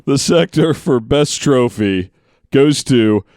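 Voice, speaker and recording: A man's voice: medium pitch, expressive, slow, darkish tone, no room sound, clean studio sound. A man hosting a podcast, presenting awards in casual, jokey chat and giggling often. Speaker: podcast host.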